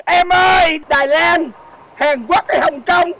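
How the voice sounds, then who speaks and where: A man's voice: very high-pitched, slow pace, creaky, sharp tone, a little hiss or hum, exaggerated voice, rough recording. A man with a Southern Vietnamese accent playing a heartbroken, jilted man in a comedy sketch, wailing and sobbing melodramatically.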